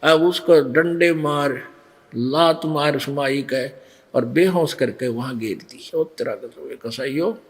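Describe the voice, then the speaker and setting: A man preaching a devotional sermon, telling a story and acting out what the figures say. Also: fairly high pitch. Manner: slow storytelling that acts out the figures' lines.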